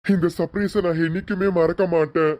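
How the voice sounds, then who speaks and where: A man's voice: a little high, steady tone, fairly quick, a little mellow, close to an everyday voice. Man voicing an emotional young husband. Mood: affectionate. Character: young husband, emotional, loving elder brother. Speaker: fan-made serial voice actor. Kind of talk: amateur serial drama dubbing.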